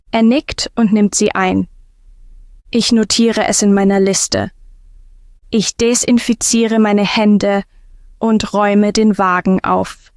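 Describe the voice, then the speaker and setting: A woman narrating a scripted first-person story for language learners in calm, simple short sentences. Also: mid-range voice, no room sound, studio quality.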